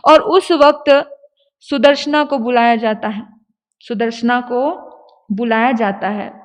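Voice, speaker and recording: A woman's voice: a little high, slow. A woman Jain nun preaching a sermon, telling a story dramatically and emotionally in a live hall. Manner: dramatic, emotional storyteller who shifts into song. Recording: long hall reverb.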